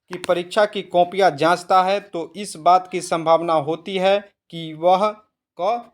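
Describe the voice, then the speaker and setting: A man reading multiple-choice exam questions with their options and answers in a steady, measured way. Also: high voice. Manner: steady, measured reading, slows down when giving the correct answer. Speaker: quiz presenter for teacher exam prep.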